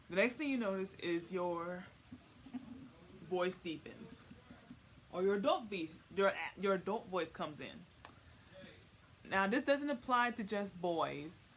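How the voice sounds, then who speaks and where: This young woman's vlog explainer is jokey and slang-heavy, with rambling and repeated words for emphasis. Her voice is on the low side yet a bit bright, captured at home with faint background noise.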